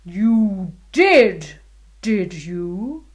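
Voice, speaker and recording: A woman doing a booming storybook king. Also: very animated, takes it slowly, exaggerated voice. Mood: stern. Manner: loud, bellowing. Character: booming pompous king, middle-aged man.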